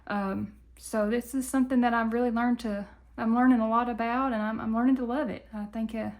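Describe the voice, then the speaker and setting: A woman with a fairly high voice and a country Appalachian accent from Tennessee. She talks in a folksy, chatty way, like a video host casually addressing her viewers. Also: steady tone, a little fast, a little mellow. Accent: country Appalachian Southern US, Tennessee. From Tennessee, southern US.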